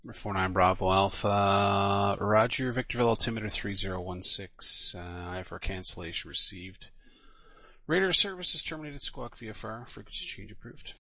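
A man's voice: lowish voice, normal speed, bright, forceful tone, no room sound. A man working as an air traffic controller, giving clipped, official radio instructions.

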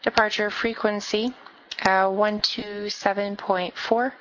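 A woman speaks as an air traffic controller over the radio. Her voice sits at a medium pitch, delivering clipped, procedural clearances. The audio is dull and narrow, like a radio channel. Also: flat delivery, takes it slowly, a bit bright.

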